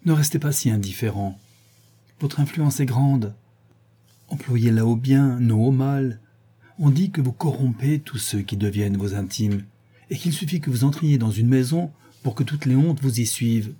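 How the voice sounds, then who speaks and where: A middle-aged painter pleads with a wayward friend, his words grave and reproachful, as a man reads him aloud. The voice is dark and mellow, with a husky edge. It sounds like a storybook read aloud. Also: mid-range voice, close to an everyday voice.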